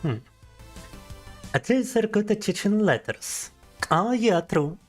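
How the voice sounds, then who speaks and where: During a casual livestream, this Russian-speaking young VTuber is playful and teasing, laughing often as he reads chat aloud. He sounds high-pitched and animated but slow, with faint music in the background.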